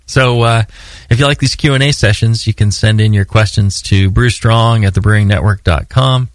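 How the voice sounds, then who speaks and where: A man's voice: lowish voice, normal speed, dry recording, studio quality. A man co-hosting a homebrewing podcast, talking in a loose, rambling way with lots of fillers and some teasing. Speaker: podcast co-host. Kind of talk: casual podcast chat.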